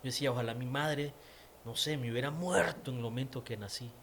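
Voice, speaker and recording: A man's voice: medium pitch, brisk, a bit bright, slight background noise. Nicaraguan man telling an emphatic story. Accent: Nicaraguan Spanish. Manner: emphatic storyteller, repeats words for stress. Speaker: interview guest. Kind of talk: personal faith testimony in conversation.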